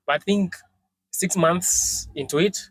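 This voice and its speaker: A young man from Congo, telling stories as a podcast guest in a halting, casual way, restarting phrases and dropping in Swahili words. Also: high voice, a bit bright, dry recording. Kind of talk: casual interview storytelling.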